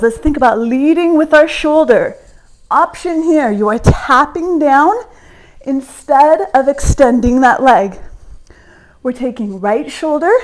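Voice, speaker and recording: A young female fitness instructor leads a home workout, exercising along and giving encouraging cues, sometimes running out of breath. Her voice is high-pitched and a little mellow.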